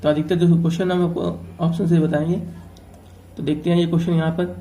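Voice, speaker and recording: A man teaches an exam-prep math lesson. His voice sits a little high and stays flat in tone, with a mellow, dark color. He talks it through step by step and keeps checking in with his students. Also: brisk, a little hiss or hum. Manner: explains step by step, often checking with "ठीक है".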